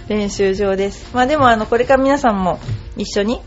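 A woman's voice: mid-range voice, normal speed. A woman host chatting casually and rambling, with many fillers. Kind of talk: casual radio talk. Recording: slightly dull lo-fi sound with faint music.

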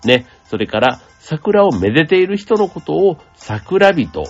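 A man hosting a radio show, explaining things in a gentle, chatty way with many asides and fillers. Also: a little high, big pitch swings, unhurried, husky, highs cut off, soft background music. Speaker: radio host. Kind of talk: casual explanatory radio talk.

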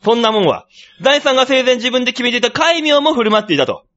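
A man hosting a comedy talk show, chatting playfully and reading out news items with animated delivery. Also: very high-pitched, quick pace, dull audio. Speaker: comedy podcast host.

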